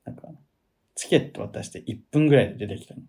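A man co-hosting a podcast, chatting casually, with soft, feminine sentence endings and frequent laughter. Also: lowish voice, fast, gravelly. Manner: laughs often while telling a story. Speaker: podcast co-host. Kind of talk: casual chat.

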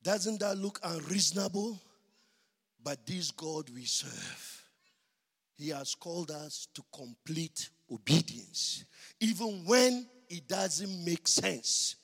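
Male pastor, high gravelly voice, slow sermon, shouts, winded, reverberant hall. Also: lively intonation. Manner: slow, drawn-out preaching that builds to shouting. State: out of breath.

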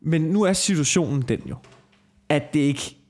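Male co-host, crude, animated ranter, casual podcast banter. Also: a little high. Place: office.

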